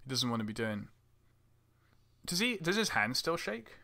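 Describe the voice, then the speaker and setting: A man's voice: medium pitch, big pitch swings, normal speed, crowd noise. A man co-hosting a casual movie commentary podcast, agreeable and often chuckling along. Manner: agreeable, chuckling, lots of yeahs. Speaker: podcast co-host.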